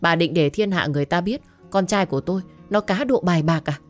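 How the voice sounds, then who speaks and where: A woman voicing a weary, stern older father who speaks in a low, measured way. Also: a little mellow, faint music behind.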